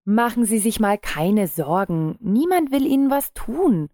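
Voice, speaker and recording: A resolute kiosk owner woman in her fifties, read by a woman narrator in a story. She talks firm, steady and controlled. The voice is mellow and dark, close and dry. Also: a little high, a little slow, no echo, voice pushed up. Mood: soothing.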